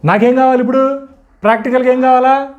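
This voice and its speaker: A man's voice: extremely high pitch, steady tone, quick pace, dull audio. A man teaching a group, constantly quizzing his listeners with rhetorical questions. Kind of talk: interactive teaching talk.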